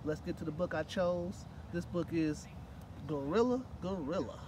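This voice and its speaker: A middle-aged man, there as a guest reader, reads a children's picture book aloud at a park table outside. His voice is a little high and his pace moderate. Light outdoor noise reaches the distant microphone.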